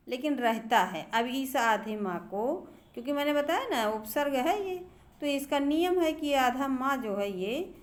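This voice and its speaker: A middle-aged woman teacher explaining grammar to students, patiently repeating words slowly to show how they are pronounced. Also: on the high side.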